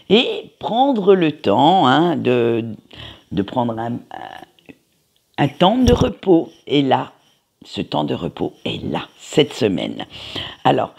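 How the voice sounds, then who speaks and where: A man's voice: fairly high pitch, vocal fry, husky. A man giving a chatty weekly tarot reading, with frequent fillers and friendly asides. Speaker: tarot reader.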